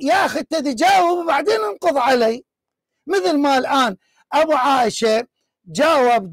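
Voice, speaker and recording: High-pitched, forceful man debating. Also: dry recording. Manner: forceful, insistent, repeats challenges. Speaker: debate show host. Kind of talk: heated live religious debate.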